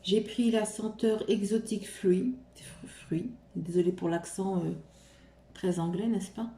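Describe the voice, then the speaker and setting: Woman vlogger, casual haul chat, hesitant with lots of fillers, mellow tone, roomy echo. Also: mid-range voice, steady tone, normal speed. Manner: hesitant, full of fillers and restarts. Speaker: vlogger showing shopping haul. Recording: roomy echo, faint room ambience.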